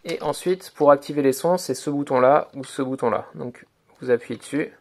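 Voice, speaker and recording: Gravelly man demoing a toy. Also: medium pitch, moderate pace, noisy background. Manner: hesitant, filler-heavy explaining, "donc voilà"; talks to camera while handling a toy. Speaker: toy reviewer. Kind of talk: hands-on toy review demonstration.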